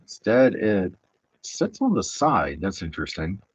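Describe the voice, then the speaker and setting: A man with a Southern accent chatting casually while streaming, rambling and halting with lots of fillers, on a headset mic. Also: low-pitched, big pitch swings, husky, dry recording, low-quality recording. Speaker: streamer building Lego. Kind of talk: casual live-stream chat.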